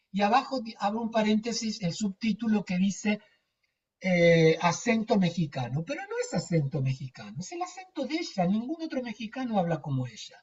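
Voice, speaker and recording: Casting: man, loose rambling storyteller, husky voice, distant muffled mic. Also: high voice. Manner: rambling, searches for words, anecdotal. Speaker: lecturer. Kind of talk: casual chat with a group.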